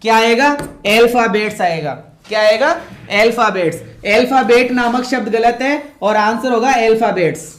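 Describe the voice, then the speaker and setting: A man's voice: extremely high pitch, normal speed, a bit bright, reverberant. A male teacher running an online English grammar class, repeating questions, praising and scolding his students.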